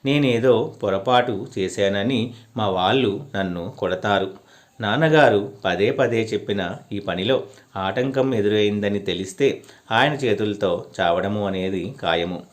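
A man's voice: on the low side, measured pace, lightly acted. A man voicing a little girl who coaxes and pleads with a deity in a devotional story. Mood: begging. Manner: pleading, coaxing.

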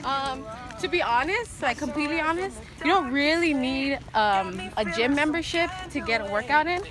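Music plays behind a young woman in her twenties whose high voice is animated and moves at normal speed. As a fitness vlogger, she walks a hillside trail giving fitness tips casually, peppered with "um"s, while a camera is carried along with her.

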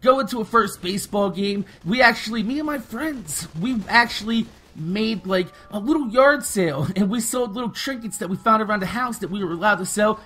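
A man's voice: sits high, expressive, normal speed, hardly any pauses, bright, forceful tone. A man, talking casually and candidly over gameplay, rambling and swearing freely. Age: 20s. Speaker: gaming YouTuber.

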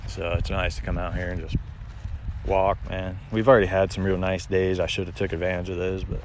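Out in the open countryside, a man in his thirties from America chats on a livestream with a phone at arm's length. His low voice is delivered flatly and a little fast, his manner easygoing and meandering, with ambient noise filling the outdoor phone recording.

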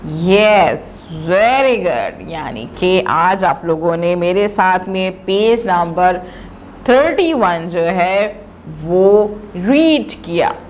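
Lady teacher drilling kids word by word, super slow, bit of hiss behind. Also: fairly low pitch, lively intonation. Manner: repeats each word slowly three times for pupils to echo. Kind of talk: online reading lesson for children.

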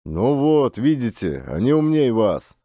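A man playing a curt, gruff gang boss. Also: medium pitch, big pitch swings, unhurried, dark tone, no echo, clean studio sound. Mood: stern. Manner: curt commanding growl. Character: stern gruff male convict gang boss.

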